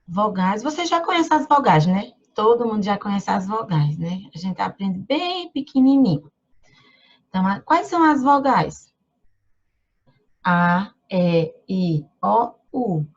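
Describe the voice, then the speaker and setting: A woman teaching young children, talking slowly and patiently, stretching out syllables and checking in with frequent tag questions. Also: mid-range voice, sing-song, highs cut off. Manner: drawn-out syllables when sounding out words. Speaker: primary school teacher. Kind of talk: online lesson for young children. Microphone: computer mic during screen share.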